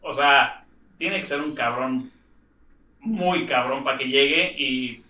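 A man's voice: medium pitch, slow pace, bright, forceful tone, far from the mic. A man from Mexico City with a Mexico City accent, hosting a casual group chat, joking and frank about sex. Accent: Mexico City Spanish. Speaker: podcast host. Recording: echoey room, a bit off-mic.

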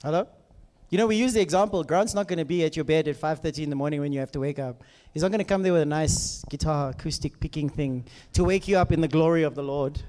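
A man's voice: fairly high pitch, fast, a little mellow. A man with a South African accent preaching in a conversational way, throwing questions at his listeners and acting out little dialogues. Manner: rhetorical questions and call-outs to listeners; acts out imagined dialogue. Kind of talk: animated conversational sermon. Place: large echoing room with live listeners. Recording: reverberant hall sound.

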